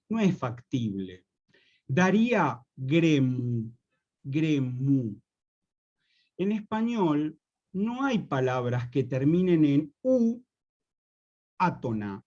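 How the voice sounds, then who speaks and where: A man in his fifties with a Rioplatense Spanish accent, giving a slow, explanatory university lecture on slang and repeating his key points for students. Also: a little high, darkish tone, lo-fi sound.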